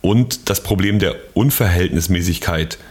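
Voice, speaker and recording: A man with a deep, low voice talks through legal details on a podcast. His delivery is casual and explanatory, and he often tags his points with a quick question to his co-host. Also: a little mellow. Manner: conversational, explanatory, frequent "ne?" tags.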